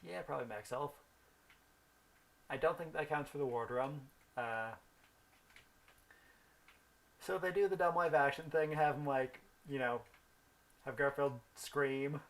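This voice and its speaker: This gaming video host is a young man with a somewhat high voice who talks at a measured pace and pauses often. He rambles through a story while thinking aloud about the game he's playing, in casual gameplay commentary.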